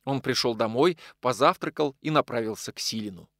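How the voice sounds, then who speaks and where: A man narrating an audiobook in a measured, expressive reading. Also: medium pitch, dry recording, studio quality.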